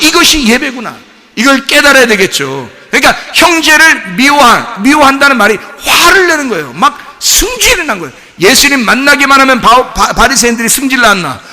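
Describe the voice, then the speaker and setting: A man preaching a sermon as pastor, animated, asking the congregation rhetorical questions. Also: very high voice. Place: church sanctuary. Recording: long church reverb.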